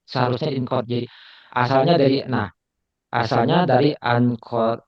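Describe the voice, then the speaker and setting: A man's voice: mid-range voice, steady tone, normal speed. A man teaching Arabic grammar in an online class, patient and repetitive, sometimes laughing at his own slips. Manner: patient, repeats phrases, admits slips with a laugh. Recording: dull lo-fi online call audio.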